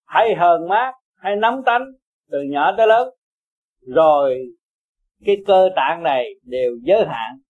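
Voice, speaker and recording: A man teaching Buddhism in a high, carrying voice. He talks bluntly and emphatically, pushing and coaxing his listeners by turns. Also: rough recording. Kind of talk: blunt Dharma talk to followers.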